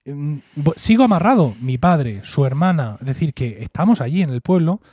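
A man from Murcia, Spain, co-hosts a podcast, and his Murcian accent colors fond, reflective stories told in casual conversation, with a questioning "¿no?" often tagged onto his lines. His voice sits on the high side, expressive and dark-toned with a breathy edge, at a moderate pace. The studio sound is clean, with no room sound.

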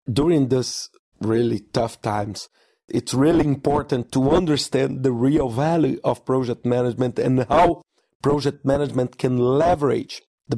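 A man with a hoarse, cold-roughened voice hosts a podcast over a low-quality audio stream. His pitch sits in a middle range, and the sound is dry and close. He speaks haltingly, with repeated words and fillers. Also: a little mellow, no room sound. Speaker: podcast host. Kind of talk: conference report podcast.

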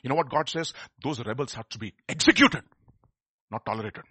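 A man's voice: mid-range voice, a little fast, sharp tone, slightly rough, no echo. A middle-aged man with an Indian accent preaching a sermon in a conversational way, putting questions and repeating phrases for emphasis. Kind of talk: animated sermon.

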